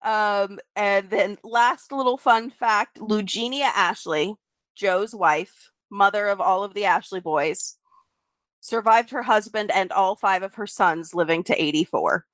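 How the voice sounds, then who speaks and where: A woman's voice: mid-range voice, unhurried, a bit bright, dry recording. A young woman co-hosting a podcast, telling a story in casual chat, with lots of "like" fillers and laughter. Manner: laughing, many "like" fillers, swearing. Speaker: podcast co-host.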